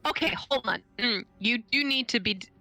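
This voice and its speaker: A woman's voice: on the high side, pushed and bright, poor audio. A woman playing in a tabletop game over a video call, joking and sarcastic in her banter. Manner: playful, sarcastic, quick wit. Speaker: player. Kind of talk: casual tabletop role-play. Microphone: video call from home.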